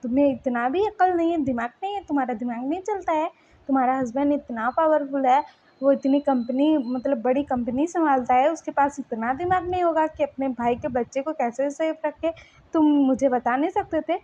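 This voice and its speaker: A forceful young husband lectures and coaxes by turns, his words rapid and pressing, as a woman narrator plays him. The voice sits high, and the recording sounds dull. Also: close to an everyday voice. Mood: scolding. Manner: scolding, pleading. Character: powerful young husband, scolding then soothing.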